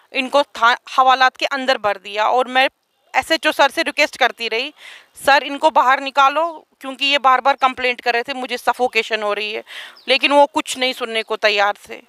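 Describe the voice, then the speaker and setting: A woman's voice: high voice, pushed and bright, clean tone, dry recording. A woman giving an urgent, aggrieved account as an interviewee, speaking outdoors. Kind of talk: emotional testimony.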